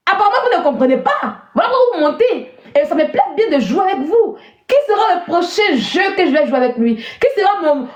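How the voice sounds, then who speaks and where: A woman's voice: high-pitched, a little mellow. A woman hosting a live stream, mocking and scolding callers with scorn and lots of repetition. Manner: mocking, scornful, repeats herself. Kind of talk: insulting live-stream chat. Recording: roomy, dull lo-fi stream audio.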